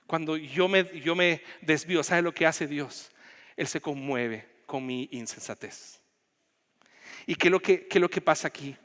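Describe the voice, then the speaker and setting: Man, pastor, sermon, fervent pleading, high voice, long church reverb. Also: measured pace, a bit bright. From Chile. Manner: impassioned preaching, rising to fervent pleading. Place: church sanctuary.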